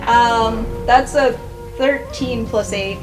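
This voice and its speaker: A woman playing a tabletop game, excited and blunt and swearing casually. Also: on the high side, slow, over music. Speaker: player.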